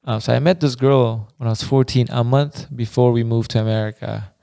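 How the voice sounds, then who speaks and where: A man's voice: mid-range voice, fairly even intonation, brisk, gravelly, mellow, dry recording, clean studio sound. A man in his twenties, from Afghanistan, co-hosting a podcast in casual chat, laughing often and telling stories in loose slang. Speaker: podcast co-host.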